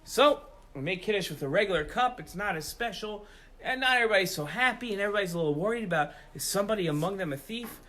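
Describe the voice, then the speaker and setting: A man telling a story to children with animated, emphatic delivery, outdoors in the rain. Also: high-pitched, fast, poor audio.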